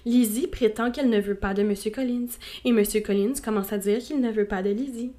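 A woman voicing a fussy, excitable middle-aged mother in a storybook reading, shrill and pleading. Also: a little fast, close to an everyday voice. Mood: insistent.

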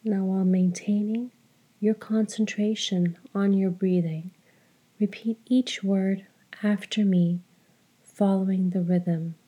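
A woman leading a guided meditation in a soft, hushed, breathy voice, speaking in a measured way with long pauses. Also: mid-range voice, steady tone, rough recording. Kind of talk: slow guided meditation narration.

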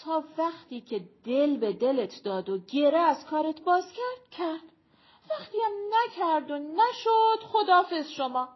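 A woman voicing a lively, joking adult woman friend in an audiobook. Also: sits high, dull audio, voice pushed up. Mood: teasing. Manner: playful, quick, joking.

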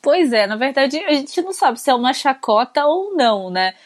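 A woman's voice: high voice, sing-song, moderate pace, no echo. A Brazilian woman co-hosting a talk show, chatting in a casual conversational way with frequent tag questions, sounding sleepy. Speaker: co-host. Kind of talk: casual news commentary.

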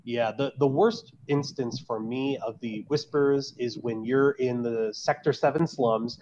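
A man chats as a podcast guest, rambling and circling back on his points with plenty of fillers. His voice sits at an ordinary mid pitch, and the recording has a dull, lo-fi quality. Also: steady tone, a little slow, darkish tone, slight background noise. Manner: rambling, many fillers and restarts. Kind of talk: casual podcast chat. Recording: dull lo-fi sound.

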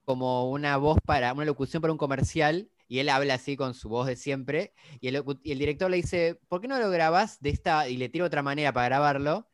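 Man, rioplatense accent, podcast co-host, animated storyteller, dry close sound. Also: fairly high pitch, fairly quick, few pauses, no room sound. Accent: Rioplatense Spanish. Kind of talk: casual chat.

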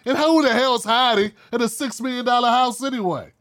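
A man hosting his own commentary show, ranting bluntly and heatedly in casual, profane talk, with quick mocking impressions. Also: very high-pitched, a bit bright. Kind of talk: casual opinion monologue.

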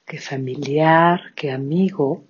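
A yoga instructor leading a guided breathing meditation, giving calm, soft-spoken instructions and counting out breaths. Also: medium pitch, slow pace. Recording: dull lo-fi recording.

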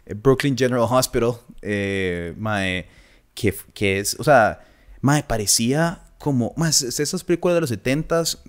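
A young man with a Costa Rican accent, co-hosting a podcast and telling a long story in casual chat, acting out the voices he quotes. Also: medium pitch. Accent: Costa Rican Spanish. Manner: animated anecdote-telling, acts out quoted voices, laughs often. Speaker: podcast co-host.

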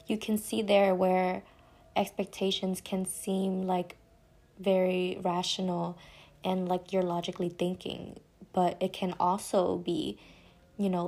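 A woman talks casually on her own as a podcast host. She sounds stoned, drifting and losing her thread as she goes. Her voice is husky with some breath in it, at a middling pitch. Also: a little mellow. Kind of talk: casual solo podcast talk.

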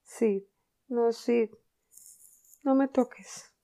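A woman's voice: fairly high pitch, extremely slow, creaky, mellow, voice pushed up, exaggerated voice. Woman doing Tom Sawyer, a whimpering boy. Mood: plaintive. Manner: whiny, plaintive pleading. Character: young schoolboy faking illness, melodramatic.

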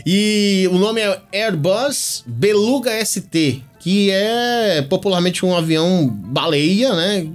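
High-voiced, animated Northeastern Brazilian man co-hosting radio. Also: takes it slowly, hardly any pauses, soft background music. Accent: Northeastern Brazilian, Paraíba. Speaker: radio show co-host. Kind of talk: casual radio chat.

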